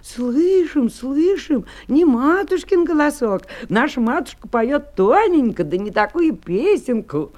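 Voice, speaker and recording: A woman voicing a group of little young goat kids from a folk tale, high and eager. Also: big pitch swings, measured pace, few pauses, a little mellow. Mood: wary.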